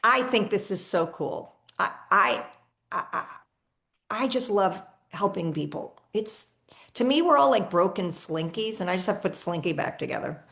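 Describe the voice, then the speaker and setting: A chatty woman healer speaking over a video call, her mid-pitched voice carrying a gravelly edge. She talks eagerly to the person in front of her, repeating herself and restarting her sentences as she goes. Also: lively intonation, unhurried, a bit bright. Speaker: energy healer. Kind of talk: live online healing session.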